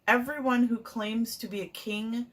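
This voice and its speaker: A woman reading the part of insistent accusing leaders in a church passion reading, in a slow, deliberate way. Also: fairly high pitch, fairly even intonation, natural voice. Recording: distant mic.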